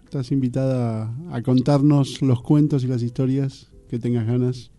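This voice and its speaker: A man hosting a community radio show, chatting in a relaxed, hesitant way on a studio microphone. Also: medium pitch, normal speed, faint music behind. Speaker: radio host. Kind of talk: casual radio chat.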